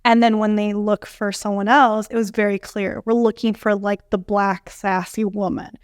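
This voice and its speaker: A young adult woman from a Bolivian family, a dietitian guest telling her story in an animated way, full of fillers and acted-out quotes. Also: medium pitch, normal speed, smooth, no echo, studio quality. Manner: animated, many fillers, acts out quoted dialogue. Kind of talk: conversational storytelling interview.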